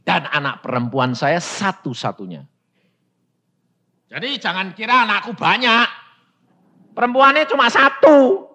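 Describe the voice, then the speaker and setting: A man preaching a sermon, telling a story and acting out the dialogue, swinging from hushed lines to shouted ones. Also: high-pitched, expressive, measured pace, pauses often. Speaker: pastor.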